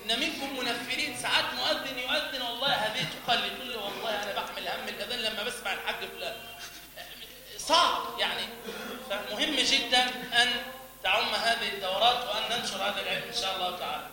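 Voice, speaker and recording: High-voiced Egyptian man teaching, echoey hall. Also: fast, a crowd in the background. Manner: demonstrates chanting, quizzes students. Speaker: religious teacher. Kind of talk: lecture on recitation.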